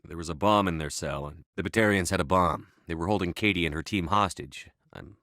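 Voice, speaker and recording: A man playing a resolute human military commander in a space opera video game, speaking in a measured, authoritative, matter-of-fact way. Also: low-pitched, pushed and bright, no echo, clean studio sound. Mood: somber.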